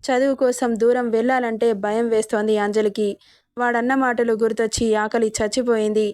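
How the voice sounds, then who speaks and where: Even-toned woman storyteller. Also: fairly high pitch, moderate pace, smooth, dry recording, clean studio sound. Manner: steady, even reading. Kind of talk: storybook narration.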